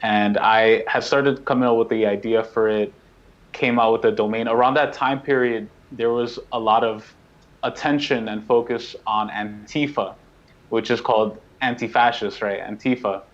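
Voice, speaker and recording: A man of about thirty from New York speaks as an interview guest, earnest and quick in his explanations. His voice sits low and stays level, with little rise and fall. The sound comes through a slightly muffled remote call. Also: fairly even intonation. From New York, United States. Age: around 30. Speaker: guest, co-founder of a media collective. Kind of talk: casual interview talk.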